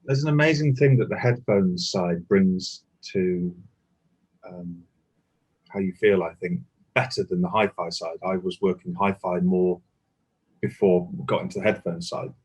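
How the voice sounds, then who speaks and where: Man, husky low voice, chatty anecdotal storyteller. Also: unhurried. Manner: anecdotal, swears casually, animated storytelling. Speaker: guest. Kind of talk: casual chat. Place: indoors, relaxed group chat.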